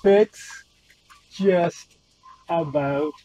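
A middle-aged boat-living vlogger, his voice slightly high, very slow and mellow with the highs rolled off, works on a wooden boat outdoors. He narrates casually and cheerfully, explaining each step as he goes, picked up by a wide-angle action camera close by.

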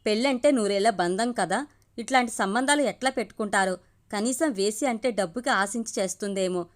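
An indignant young niece, read by a woman storyteller fires off sharp questions. The voice sits at the narrator's middle pitch, in a storybook reading. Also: brisk, lightly acted.

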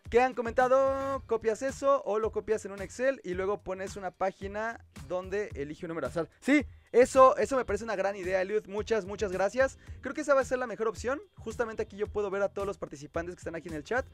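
A man's voice: high voice, fast talker, few pauses, faint music behind. A man with a Mexican Spanish accent, hosting a casual livestream and chatting as he reads viewer comments aloud and answers them. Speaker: livestream host.

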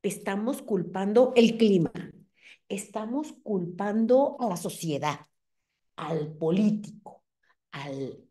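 A middle-aged woman with a Mexican Spanish accent gives an animated, conversational talk to a room of mothers, often checking in with them. Her voice is mellow and warm, never sharp. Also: mid-range voice, slow. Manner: animated, asks the audience "¿ok?".

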